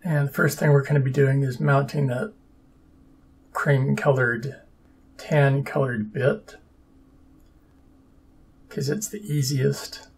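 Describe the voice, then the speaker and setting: Husky guy talking slow while building a paper model, dry sarcastic asides. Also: mid-range voice, steady tone. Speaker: papercraft hobbyist. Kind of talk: casual build narration.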